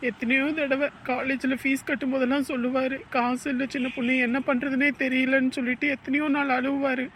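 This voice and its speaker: A woman's voice: high-pitched, level tone, brisk, fairly bright tone, a little hiss or hum, poor audio. A woman playing a hurt but earnest young sister-in-law explaining herself in a family drama. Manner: earnest, pleading. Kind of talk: amateur village family drama acting.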